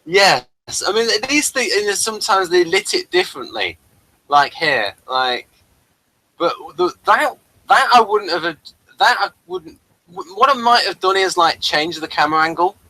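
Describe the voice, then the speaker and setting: Rambling through a TV episode as a review co-host, this man talks casually and haltingly, frequently leaving sentences unfinished. He has a high, sing-song voice with a sharp tone, captured on a rough recording.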